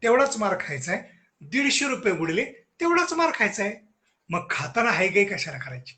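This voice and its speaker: A cheeky, carefree freeloader of a friend, as a man puts him on. He coaxes in a matter-of-fact way, in a high, bright voice. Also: very animated, moderate pace, full character voice. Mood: coaxing.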